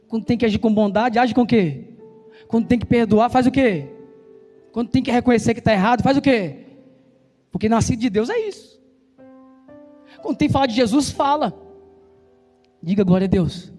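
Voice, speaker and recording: A man with a striking, very high voice preaches in a Brazilian Portuguese accent, fast, loud and emphatic. He keeps throwing questions back at the congregation. The sound rings with a long church reverb over faint instrumental music. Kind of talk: sermon.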